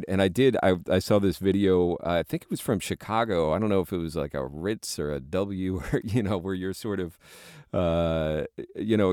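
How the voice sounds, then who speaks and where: A man hosting a travel podcast, asking relaxed, chatty questions and introducing guests. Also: low-pitched, clean tone, dry recording, studio quality. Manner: relaxed, chatty, laughs easily. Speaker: podcast host. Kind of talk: interview and scripted narration.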